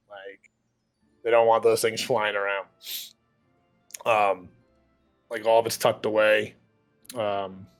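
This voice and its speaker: A man's voice: mid-range voice, a bit bright. A man narrating a tabletop game as game master, describing the scene loosely with many fillers. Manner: rambling, filler-heavy description.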